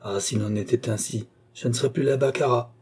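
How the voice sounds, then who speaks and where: A man's voice: mid-range voice, fairly quick, a little mellow, slightly rough, natural voice. A man reading the part of a proud, jealous young courtesan in an audiobook, with haughty, passionate delivery.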